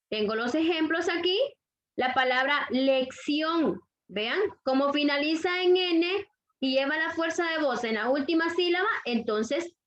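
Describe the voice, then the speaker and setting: A woman teaching a grammar lesson to young students, repeating each rule and checking that the class follows. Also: high voice. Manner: slow, deliberate, repeats rules, checks understanding with questions. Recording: dull lo-fi audio.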